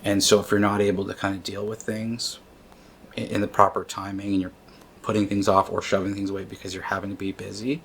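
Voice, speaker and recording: Low, flat, gravelly-voiced man. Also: slight background noise. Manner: earnest, halting, with many restarts and fillers. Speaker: vlogger sharing his grief story. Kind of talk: personal reflective talk.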